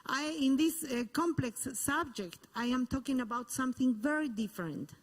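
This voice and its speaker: A woman's voice: sits high, moderate pace. A woman from Bolivia speaking English with a Spanish accent as a panel guest, searching for words and repeating points for emphasis. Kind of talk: public panel discussion.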